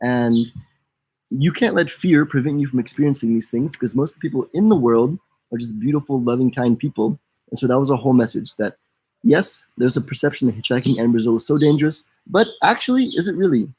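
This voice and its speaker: Young male co-host, husky, easygoing, jokes between reading viewer questions. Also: medium pitch, a little fast, dry recording. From United States. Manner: relaxed, joking, reads viewer comments aloud. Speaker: co-host of a travel channel. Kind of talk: casual live-stream chat.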